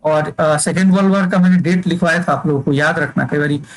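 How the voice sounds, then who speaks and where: A man's voice: a little high, fairly even intonation, quick pace, low-quality recording. A male teacher giving an exam-prep lecture, dictating points for students to write down and checking that they follow.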